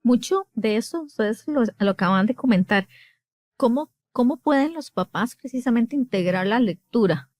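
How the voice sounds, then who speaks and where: A woman's voice: on the high side, lively intonation, moderate pace, darkish tone, no room sound. Attentive Costa Rican woman host. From Costa Rica. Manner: attentive, brief affirmations. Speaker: podcast host. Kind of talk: interview questions.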